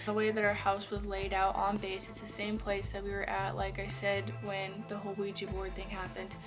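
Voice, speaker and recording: A woman's voice: mid-range voice, monotone, normal speed. Chatty woman vlogger, rambling spooky storytelling, swears a lot, faint music behind. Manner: chatty, lots of "like" fillers, swears, acts out quotes. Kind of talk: casual storytelling to camera.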